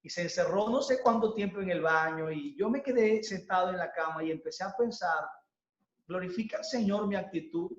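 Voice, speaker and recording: Earnest high-voiced male preacher, roomy hall. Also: fairly quick, lo-fi sound. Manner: earnest, repetitive preaching cadence. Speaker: pastor. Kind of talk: sermon.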